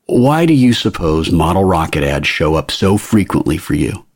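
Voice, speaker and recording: A man voicing a skinny older male border interrogator with a squeaky, prim way of asking questions. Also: sing-song, moderate pace, husky, dry recording, studio quality, full character voice. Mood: probing. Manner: prim, coolly persistent questioning.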